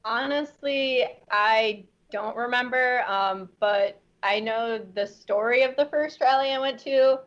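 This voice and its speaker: A woman in her twenties, a rally co-driver, chatting in a quick, chatty way. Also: a little high. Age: 20s. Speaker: co-driver guest. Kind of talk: casual storytelling. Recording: dull lo-fi recording.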